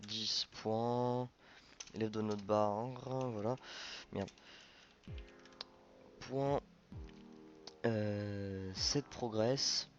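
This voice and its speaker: A man's voice: lowish voice, steady tone, drawn-out words, long pauses, highs cut off, soft background music. A man hosting a programming tutorial, thinking aloud informally with many fillers and self-corrections. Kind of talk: casual coding screencast narration.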